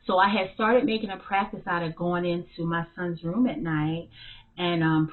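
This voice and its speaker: A woman telling her story of spiritual struggle in a halting, hesitant way, full of fillers and restarts. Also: fairly low pitch. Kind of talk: personal spiritual testimony. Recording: tinny phone-like sound.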